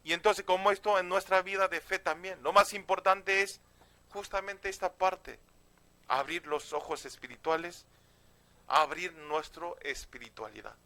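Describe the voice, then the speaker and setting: A male pastor preaching a sermon, often pausing to ask "¿sí?" and calling out "Amén". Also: sits high, sharp tone. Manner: emphatic, often asks "¿sí?" and "Amén".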